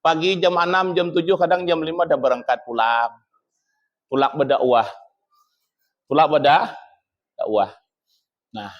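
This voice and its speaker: A man with a Banjar Malay accent giving a humorous sermon at a mosque gathering. His voice sits high, and he tells stories in a lively way, slipping into high, pleading tones to play the people in them. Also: lo-fi sound. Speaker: preacher. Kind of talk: humorous sermon with acted anecdotes.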